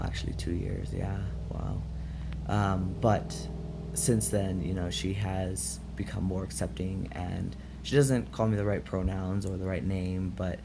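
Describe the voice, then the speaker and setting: A young man talking casually and candidly on a personal vlog, in a reflective, halting way with some gravel in his voice, recorded outdoors. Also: low voice, noisy background. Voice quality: gravelly, throat-clearing. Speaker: vlog host. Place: outdoors in chilly morning air.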